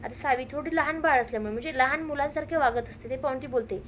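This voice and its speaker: A woman rapidly retelling a TV serial episode, slipping into the characters' lines as she goes. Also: sits high, a little hiss or hum. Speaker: narrator recapping a TV serial. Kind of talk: fast storytelling recap with acted quotes.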